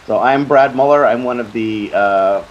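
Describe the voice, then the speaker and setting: A man's voice: medium pitch, normal speed, dull audio, slight background noise. A man, an organizer of the event, musing over a memory in an interview. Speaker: organizer and co-founder. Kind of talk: interview recollection.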